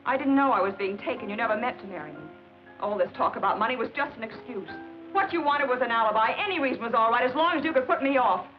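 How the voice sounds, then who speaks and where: An actress playing a proud, hurt young fiancée in a 1950s film, talking emotionally and at times shouting. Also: female voice, mid-range voice, expressive, quick pace, lightly acted. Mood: angry. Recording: dull old film soundtrack with music.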